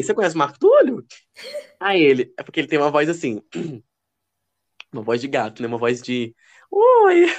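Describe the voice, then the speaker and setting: Animated gossipy young man. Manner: expressive, lively pitch. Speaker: podcast co-host. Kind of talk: casual chat.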